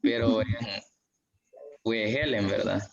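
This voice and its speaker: A man teaching an online English class, patient and slow, going over each example again. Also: fairly low pitch, fairly even intonation, creaky, over a noisy crowd. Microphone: video call. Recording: dull, echoey room audio.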